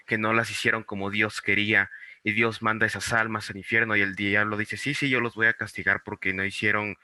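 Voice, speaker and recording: A male student asks his teacher a question over a video call. His voice is low yet very bright and close, and the sound is dry. He hesitates and searches for words as he goes. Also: no room sound. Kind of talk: asking a question in class.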